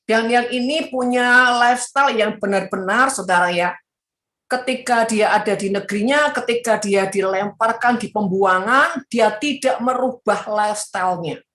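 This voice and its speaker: A woman evangelist preaching a sermon in a lively, animated way, often mocking the people she quotes with playful asides. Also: on the high side, normal speed. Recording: echoey room.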